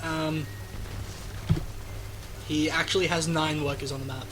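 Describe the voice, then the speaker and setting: A man doing live esports commentary, chatty and sarcastic, who gets loud and excited during fights. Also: on the high side, unhurried, background noise. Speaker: game commentator.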